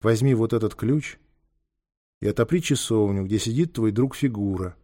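A man's voice: lowish voice, moderate pace, warm tone, natural voice. A man voicing a stern, commanding boy leader in a storybook reading. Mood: cold, stern. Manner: firm, cold commands.

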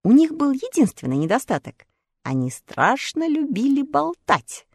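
A woman narrating a children's fairy tale with lively, expressive storytelling. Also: high voice, moderate pace, dry recording, studio quality. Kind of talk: audiobook fairy-tale reading.

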